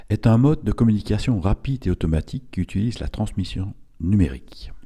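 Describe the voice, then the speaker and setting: A man's voice: low-pitched, dark tone, breathy edge. A man reading a scripted instructional narration in a didactic, step-by-step way, as an instructor would.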